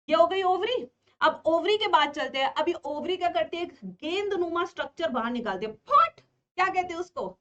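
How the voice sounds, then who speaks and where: A woman teaching a biology revision class, animated and playful, constantly asking her students questions and answering them herself, with joking asides. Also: sits high, dull audio. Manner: playful, mixes in filmi jokes. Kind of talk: exam revision lecture.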